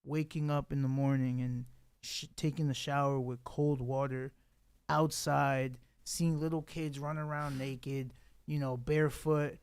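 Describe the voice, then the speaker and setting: Gravelly rambling male podcast host. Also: mid-range voice, level tone, measured pace, darkish tone, no echo. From Dominican Republic. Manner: rambling, emphatic, many fillers. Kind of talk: casual interview chat.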